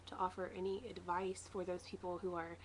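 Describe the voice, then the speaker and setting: A woman's voice: on the low side, little pitch movement, brisk, slight background noise. A woman talking casually and matter-of-factly in a rambling personal video diary, recorded at home. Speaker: vlogger sharing a weight-loss surgery recovery diary.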